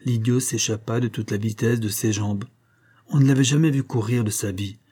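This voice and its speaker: A man narrating a classic novel as an audiobook in a measured, even storytelling manner. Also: medium pitch, slightly rough. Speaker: audiobook reader.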